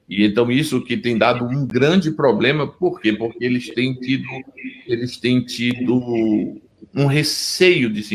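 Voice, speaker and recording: A man's voice: medium pitch, low-quality recording. A middle-aged Brazilian man with a Pernambuco accent, a pastor telling his story earnestly in an interview, often restarting his sentences. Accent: Pernambuco Brazilian Portuguese. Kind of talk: testimony interview.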